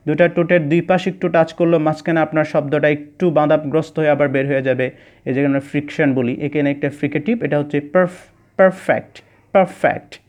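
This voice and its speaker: A man teaching an online English lesson, explaining slowly, repeating words for pronunciation practice and mixing English phrases into his talk. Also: fairly high pitch, level tone, a little mellow. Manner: mixes English phrases into Bengali speech.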